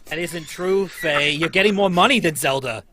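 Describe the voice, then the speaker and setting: A man's voice: fairly high pitch, moderate pace, pushed and bright. An actor playing a harried male circus manager in a 1940s-style radio drama table read, barking orders. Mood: stern.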